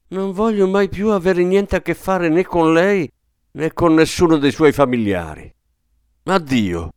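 A man reading an indignant, elderly family doctor who speaks in a sharp, cutting way. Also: fairly high pitch, clear, resonant tone, dry recording, studio quality, pitched above the performer's own voice.

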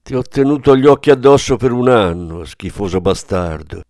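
A man voicing a grieving, menacing former policeman in an audiobook, with a hard, forceful delivery. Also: medium pitch, lively intonation, moderate pace, no echo, clean studio sound, lightly acted. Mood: threatening.

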